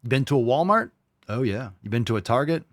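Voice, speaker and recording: A man's voice: mid-range voice, lively intonation, a little fast, no echo, clean studio sound. A man giving off-the-cuff reaction commentary in a smug, sarcastic, mocking way, blunt and sweary. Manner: blunt, profane.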